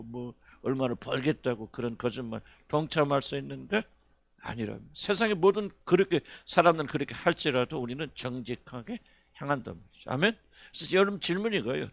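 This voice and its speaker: A man's voice: a little high, creaky, fairly bright tone, no echo. A middle-aged male pastor preaching a sermon in a folksy, conversational way, often asking the congregation questions. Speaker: senior pastor.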